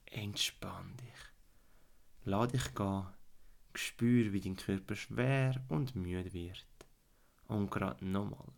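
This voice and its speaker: This soothing relaxation and sleep story is narrated slowly by a Swiss German man whose low-sided voice has a creaky quality. His instructions recur and at times sink to a hush.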